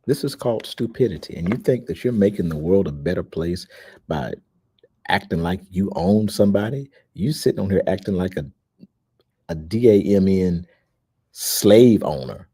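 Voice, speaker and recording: Deep, husky-voiced man. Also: lively intonation, normal speed, warm tone, dry recording. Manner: emphatic, indignant, with frequent fillers. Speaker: social media host. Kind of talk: casual spoken monologue.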